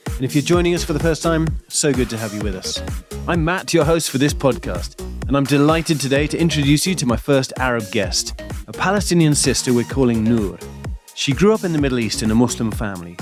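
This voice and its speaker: A man hosts a faith podcast, welcoming listeners and asking his guest warm, encouraging questions at a mid pitch. Soft music hums faintly behind his voice. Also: animated, brisk. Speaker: podcast host. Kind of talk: podcast interview.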